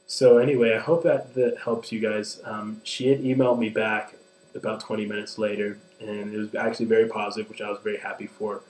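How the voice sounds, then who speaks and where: A man's voice: fairly low pitch, level tone, brisk, darkish tone. A man in his twenties speaking in a personal vlog, earnest and hesitant, with many ums and restarts. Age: 20s. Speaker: vlogger. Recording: echoey room with mains hum.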